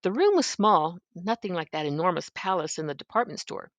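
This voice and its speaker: An older woman reading a children's story aloud in an expressive, gentle, grandmotherly manner. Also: on the low side, fairly quick, no room sound. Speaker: storybook reader.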